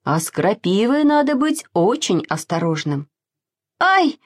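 A woman narrating a children's storybook in an expressive, sing-song way. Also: medium pitch, measured pace, slightly rough.

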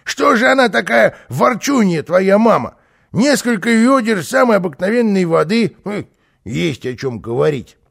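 A cocky, mischievous plump little flying man, as a storyteller puts him on, his voice pitched high and swooping wildly up and down. He crows and teases in a gravelly singsong, forever praising himself. A playful storybook character. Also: very animated, a little slow, exaggerated voice. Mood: boastful, teasing. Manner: showy, singsong, self-praising.

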